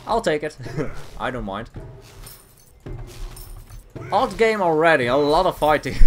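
A man hosting his gaming channel, giving casual play-by-play commentary with frequent chuckles and quick self-corrections. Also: fairly high pitch, fairly bright tone, slight background noise. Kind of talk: live gameplay commentary. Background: game music.

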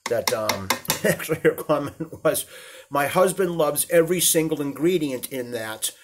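Animated and somewhat high-pitched, this older cooking channel host talks at a moderate pace in his small apartment's casual vlog. He's chatty and rambling, with frequent chuckles.

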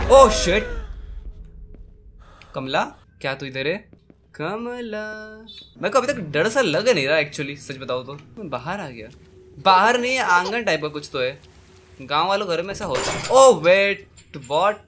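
Young male gaming streamer, high-pitched and jumpy, chatters through a horror game with slang and English words, faint background hum. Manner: excitable, yelps and shouts at scares, talks to himself; mixes English into Hindi slang.

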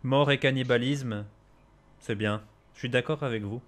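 Excitable streamer swearing loudly. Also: male voice, mid-range voice, normal speed. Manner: excitable, swears a lot, shouts when laughing. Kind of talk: live gameplay stream chat.

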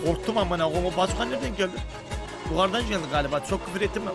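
A young man with a notably high voice runs live gaming commentary full of swearing and jokes. He swings between casual chatter and theatrical angry shouting. Clear music plays behind him. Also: lively intonation, very fast. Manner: profane, joking, swings into mock-angry shouting. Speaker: game streamer.

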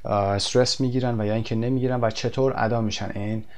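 A man teaching a recorded language lesson. He explains in quick bursts, pauses on fillers, and reads his example sentences slowly and carefully. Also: medium pitch, fairly even intonation. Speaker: English teacher.

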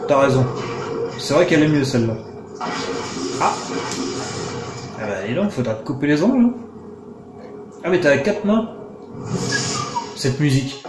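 Man, let's play commentary, sarcastic jokes, slightly high voice, roomy sound, game music behind. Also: a little slow, pauses often. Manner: joking, sarcastic, excitable outbursts. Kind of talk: casual gameplay commentary.

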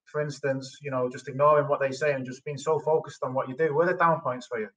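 A man's voice: medium pitch, steady tone, fast, a bit bright, poor audio. A young adult man hosting a show, interviewing a guest over a video call from a room indoors and making long, emphatic points. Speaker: show host.

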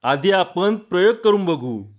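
A sly, teasing young man full of pranks, voiced by a male storyteller. His voice sits a touch high as he coaxes his friend along. The recording is dull and lo-fi. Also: lively intonation, measured pace.

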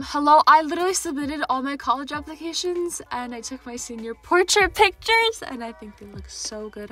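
A seventeen-year-old young woman with a slight lisp, chatting excitedly and rambling as she commentates a game. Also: on the high side. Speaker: gaming video host. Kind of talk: casual chatty gameplay commentary. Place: under bed covers in a bedroom. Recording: background music under voice. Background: music.

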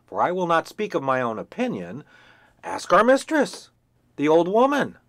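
A man's voice: wildly swooping pitch, moderate pace, a bit bright, no echo, heavily acted. A man voicing a bossy, haughty hen who lectures and scolds. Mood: scolding. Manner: scolding, shrill.

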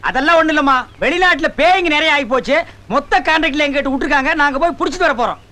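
A bossy bragging village exorcist. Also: male voice, extremely high pitch, pushed and bright. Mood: scolding. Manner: scolding, mocking, quick-tongued. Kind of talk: 1990s Tamil film comedy.

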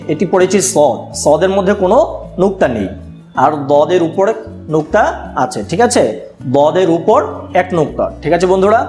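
A man teaching young children an online lesson. He talks slowly and patiently and repeats each sound for the children to copy. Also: high voice, darkish tone, reverberant.

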